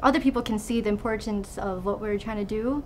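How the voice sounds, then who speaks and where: Speaking briskly in a medium-pitched voice, this woman in her twenties, a student researcher from Hawaii, gives relaxed answers during an interview inside a lab. There's a faint hiss or hum on the recording.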